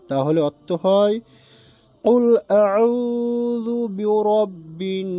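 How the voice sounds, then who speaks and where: Man, Quran word-by-word lesson, very slow delivery, mellow tone, quizzing listeners, faint music behind. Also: medium pitch. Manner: slow, drawn-out recitation of Arabic forms, repeatedly asks "ভাই". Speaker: Quran teacher.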